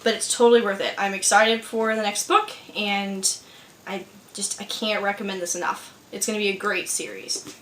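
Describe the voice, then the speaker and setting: A woman's voice: mid-range voice, flat delivery, normal speed, fairly bright tone, roomy sound, slight background noise, low-quality recording. A young woman chatting enthusiastically to camera about books she got, filmed at home. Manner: chatty, enthusiastic, laughs easily. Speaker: book vlogger. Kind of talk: casual chat to camera. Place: home room with candles. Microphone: camera filmed by her sister.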